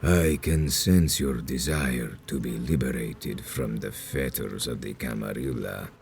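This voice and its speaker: An extremely deep-voiced ancient vampire leader, slow and solemn. He delivers grandiose video game villain speeches with cold menace, weighing each phrase deliberately. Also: creaky, darkish tone, a little hiss or hum, exaggerated voice.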